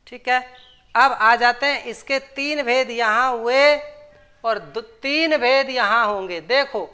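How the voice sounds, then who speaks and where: A woman's voice: fairly high pitch, sharp tone. A woman teaching a Sanskrit grammar lesson, patiently explaining terms and repeating each rule. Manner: patient, repeats terms and sutras, asks and answers her own questions.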